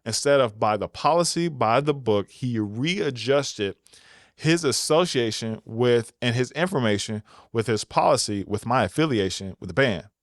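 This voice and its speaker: A man telling a motivational story in a casual, energetic way, acting out the other people's lines with sudden jumps in pitch. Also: normal speed, no room sound, clean studio sound. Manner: energetic, acts out dialogue with shifting pitch. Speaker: podcast speaker.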